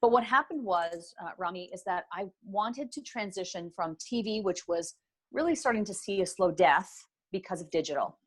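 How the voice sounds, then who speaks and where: A middle-aged woman from Northern Ontario, Canada, whose first language is French, answers interview questions as a guest and business owner. Her husky, medium-pitched voice is animated and moves at a normal speed. She speaks in the articulate, polished style of a former broadcaster.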